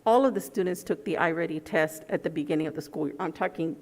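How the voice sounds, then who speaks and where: A woman's voice: deep voice, fast talker, a little mellow. A woman talking through a face mask, giving a formal presentation and answering questions as a school program presenter. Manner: speaking through a face mask, slightly muffled. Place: large indoor board meeting room. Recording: echoey meeting hall.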